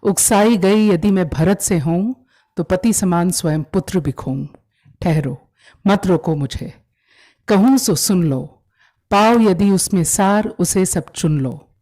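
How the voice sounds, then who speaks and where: Woman at a gallery event, lowish voice, takes her time, reads verse with feeling, swaps between hindi and english. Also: warm tone. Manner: mixes Hindi and English, measured, swells with emotion in the verse. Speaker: guest reciting a poem. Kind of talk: live poetry recitation with chat. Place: exhibition event in a gallery hall.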